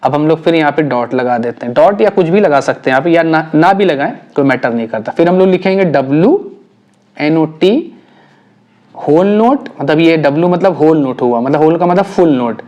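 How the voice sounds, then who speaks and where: A male music teacher walks through chord theory at an easy pace, repeating each step and asking if it is clear. His voice sits a little high for a man. He sounds like he is writing as he talks. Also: expressive, moderate pace, darkish tone, highs cut off. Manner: patient, repeats points and checks understanding often.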